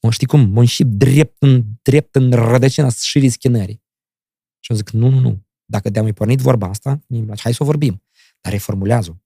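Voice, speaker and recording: A man's voice: medium pitch, breathy edge, no echo, clean studio sound. A middle-aged man, an actor speaking as a guest in a casual interview, telling stories animatedly and acting out the dialogue. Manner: animated storyteller who acts out dialogue.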